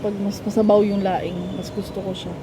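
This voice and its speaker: A woman's voice: mid-range voice, flat delivery, normal speed. A Filipino woman co-hosting a casual mukbang chat and asking questions. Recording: clearly noisy background hum and traffic.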